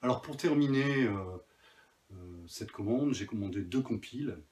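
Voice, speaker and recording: A man's voice: mid-range voice, lively intonation, normal speed, a little mellow. A man casually talking about his new vinyl records, enthusiastic and hesitant, with many fillers. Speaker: vinyl collector vlogger. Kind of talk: casual chat.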